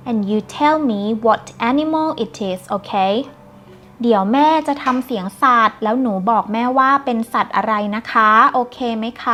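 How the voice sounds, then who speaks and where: A woman teaching English phrases to children, saying each line clearly and translating it. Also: on the high side, muffled recording. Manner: clear, slow teacherly pronunciation with Thai translations. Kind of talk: bilingual phrase lesson, slow repeated English lines. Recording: soft background music.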